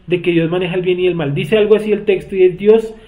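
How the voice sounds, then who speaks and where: A man's voice: high-pitched, steady tone, fast talker, dark tone. A man teaching a Bible study class, explaining word meanings and often putting questions to his students. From Colombia. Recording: echoey room, tinny phone-like sound.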